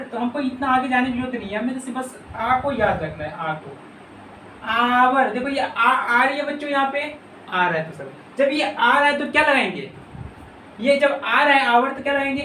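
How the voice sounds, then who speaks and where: A man teaching an English grammar lesson in Hindi, repeating words slowly and calling his students children. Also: very high voice, bright, forceful tone, slight background noise. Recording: echoey room, mic at a distance.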